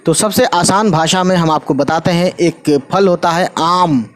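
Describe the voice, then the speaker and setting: एक पुरुष उर्दू शिक्षक, आराम से समझाते हुए पाठ पढ़ाता है और बार-बार "ठीक है" कहता है, बीच-बीच में अंग्रेज़ी शब्द मिलाता है।. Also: male voice, high-pitched, fairly even intonation, measured pace. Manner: repeats "ठीक है" often, mixes English words. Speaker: Urdu teacher. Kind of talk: casual explanatory lesson.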